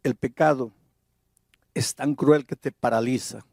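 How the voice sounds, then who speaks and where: A man's voice: mid-range voice, steady tone, measured pace, vocal fry, darkish tone, dry recording, clean studio sound. A man preaching a sermon as pastor, telling a story and then building to fervent, emphatic exhortation.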